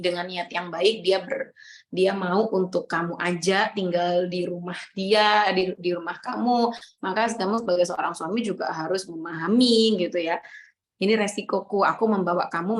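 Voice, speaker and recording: This is a young woman with a Javanese accent, teaching at a Ramadan religious study. She speaks in a relaxed, storytelling way and mixes Javanese asides into her teaching. Her voice sits at a middle pitch.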